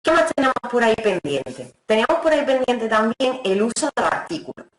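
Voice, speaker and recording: Teacher explaining grammar patiently. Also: female voice, on the high side, big pitch swings, reverberant, poor audio. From Spain. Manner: patient, explanatory, frequent "¿vale?" checks, slows down for English examples. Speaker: English teacher. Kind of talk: online class explanation.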